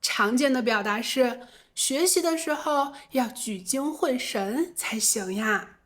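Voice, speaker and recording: Woman, language teacher, unhurried delivery, acts out sample phrases. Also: a little high, expressive, a bit bright. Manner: acts out example phrases in quoted voices. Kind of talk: slow explanatory lesson.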